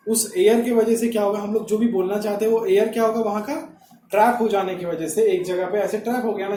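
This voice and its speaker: A man's voice: sits high, warm tone, slight background noise. A male teacher giving a classroom lecture, repeating key points and checking understanding with rhetorical questions. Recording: echoey room.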